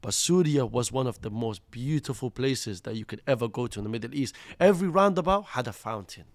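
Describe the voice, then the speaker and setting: This Iraqi-born guest in his thirties recounts his life on a podcast in street slang, addressing the host as "bro" and "akhi." He speaks in a mid-range voice, animated and a little fast, in a relaxed interview where he tells stories.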